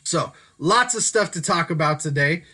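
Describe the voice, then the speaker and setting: A man talks through the week's football games as the host of his own show, casual and chatty. His voice sits a little high and comes across bright and forceful. Now and then he stops to fix a slip of the tongue. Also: lively intonation, normal speed. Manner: casual, chatty, self-correcting. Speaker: sports podcast host. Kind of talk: solo sports commentary talk. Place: Denver.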